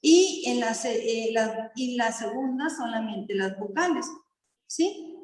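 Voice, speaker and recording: A woman primary school teacher explaining poetry to her class slowly and patiently, often checking that the children follow. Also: fairly high pitch, expressive, a little mellow. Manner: slow, patient explaining with frequent checking questions. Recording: echoey classroom with long reverb.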